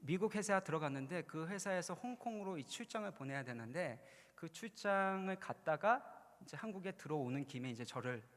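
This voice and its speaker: A man's voice: fairly high pitch, animated, fairly quick, fairly bright tone. A pastor in his forties giving a conversational, storytelling sermon at a youth retreat, building to earnest, emphatic points. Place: large church hall. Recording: long reverb in a large hall.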